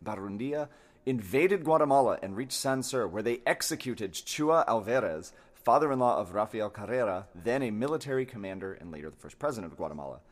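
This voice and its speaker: A man co-hosting a podcast, reading a wiki article aloud with steady delivery and joking asides, in a crowded hotel room. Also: on the low side, a little fast. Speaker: podcast co-host. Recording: echoey room.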